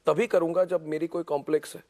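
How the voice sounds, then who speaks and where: A man's voice: fairly high pitch, flat delivery, fast talker, a little mellow. A man from Assam interviewing a guest, asking thoughtful, probing questions and switching into English phrases. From Assam, India. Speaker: interviewer, host. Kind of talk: conversational interview.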